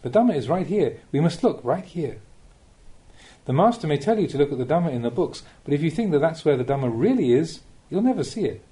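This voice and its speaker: For an audiobook of a spiritual talk, a male narrator presents Buddhist teachings. He uses a gentle, mellow tone, measured teaching-style pacing, and pitch that moves in an animated way.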